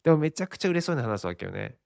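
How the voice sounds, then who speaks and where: A man's voice: mid-range voice, very animated, rapid-fire, vocal fry, darkish tone, no echo, studio quality. A Japanese man in his forties hosting a casual solo podcast, rambling and chuckling often at his own expense. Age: 40s. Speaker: podcast host.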